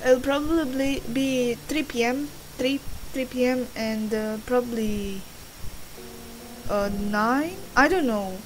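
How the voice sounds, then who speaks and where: A woman's voice: a little high, slow, poor audio. A young woman doing casual gameplay commentary in a rambling, sweary, self-deprecating way. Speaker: gaming video host. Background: game music.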